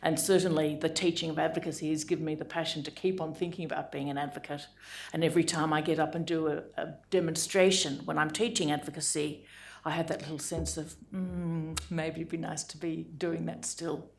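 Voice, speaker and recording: A woman, a judge giving a formal lecture in a measured, deliberate way with frequent pauses. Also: sits low, fairly even intonation, a little hiss or hum. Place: lecture room.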